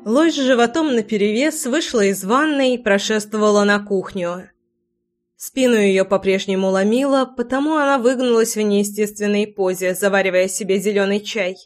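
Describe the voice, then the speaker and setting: A woman reading a romance novel aloud as narrator, with even, measured delivery. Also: mid-range voice, faint music behind. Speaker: audiobook narrator.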